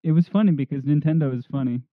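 A man's voice: on the high side, racing, dry recording. A young man who used to do voice work, chatting casually in a dry, offhand way. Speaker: voice actor. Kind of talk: casual group chat. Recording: dry, phone-like call audio.

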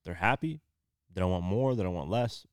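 Low-pitched and animated, a man speaks fairly quickly in studio-quality audio with no room sound. Co-hosting a laid-back podcast, he recounts a story in a loose, wandering way with lots of filler words.

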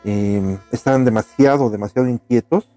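A man's voice: mid-range voice, normal speed, dark tone, faint music behind. A man telling a ghost story in casual chat, hesitant and full of fillers. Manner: hesitant, many fillers and restarts.

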